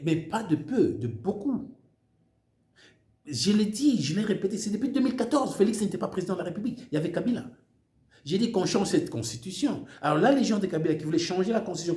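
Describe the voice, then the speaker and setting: An older man from the Democratic Republic of the Congo, whose first language is Swahili and who speaks with a Congolese French accent, delivers an impassioned political monologue. His voice is high-pitched and warm, and the space is reverberant. He speaks emphatically, repeating words while searching for them.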